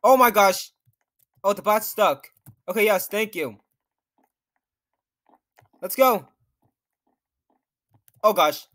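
In this clip a young gaming YouTuber reacts jitterily to his own play, muttering to himself about what happens on screen. His high-pitched, fairly bright voice is expressive but slow, with frequent pauses.

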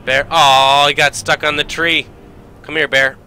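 A man streams his gameplay live with a slightly high, sharp, bright voice. He drawls his jokes slowly and swears freely. He erupts into shouts when the game surprises him. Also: a little hiss or hum. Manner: excitable and profane, jumping into shouted outbursts; playful mock-ritual joking.

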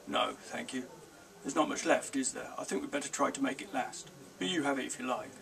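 A man voicing a proud, calm male bear who talks slowly and defiantly, in a storybook reading. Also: medium pitch, gravelly, distant mic. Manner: slow, quiet, clipped and defiant.

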